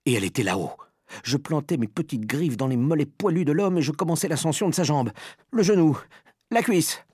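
A man reading a children's story aloud with dramatic, expressive first-person narration. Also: fairly high pitch, quick pace, husky, dry recording, studio quality. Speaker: audiobook reader.

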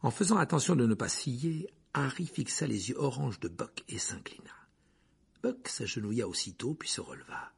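A man's voice: mid-range voice, lively intonation, normal speed, vocal fry, husky. A man narrating a storybook expressively, voicing each character in turn. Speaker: audiobook narrator.

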